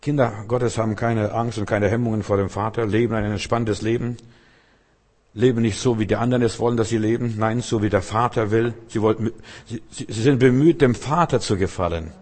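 A man preaching a free-flowing sermon, talking straight to his listeners with rhetorical questions and swinging between loud exclamations and quiet asides. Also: lowish voice, fairly even intonation, a little fast. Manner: addresses listeners directly, often with rhetorical questions.

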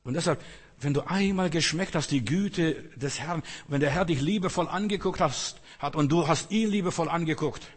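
A man's voice: on the high side, moderate pace, husky. A man preaching a sermon, earnest and coaxing, speaking directly to his listeners. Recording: long hall reverb.

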